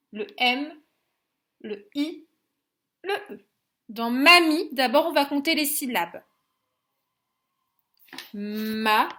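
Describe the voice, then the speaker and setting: High-pitched, slow French teacher. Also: female voice. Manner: slow, clearly sounds out each letter and syllable; gentle and encouraging toward children. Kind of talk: slow phonics lesson for young children.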